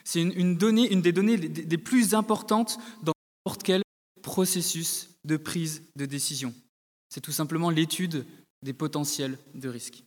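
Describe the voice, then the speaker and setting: A man's voice: on the high side, steady tone, moderate pace. A male preacher giving a sermon to his congregation, talking directly to them with frequent hesitations and repeated words. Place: church hall. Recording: long hall reverb.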